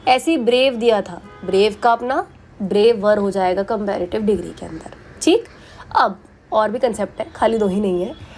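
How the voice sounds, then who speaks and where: A woman teaching English grammar for exams, explaining patiently in a mix of Hindi and English and repeating the example words slowly. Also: on the high side, a little mellow, a little hiss or hum.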